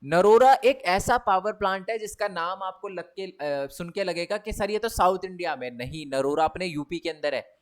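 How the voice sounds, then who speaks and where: A young male teacher gives a chatty exam revision lesson, speaking in. His voice sits high for a man, and he keeps asking the students whether they follow. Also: lively intonation, normal speed. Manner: chatty, repeats tag questions.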